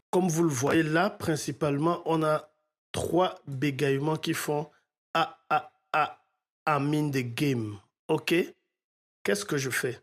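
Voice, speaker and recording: Guy walking you through a mix tutorial, voice a bit high, keeps asking ok?. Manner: step-by-step explaining, often checking in with "ok?". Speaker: music mixing tutor. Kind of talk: screen-recorded software tutorial.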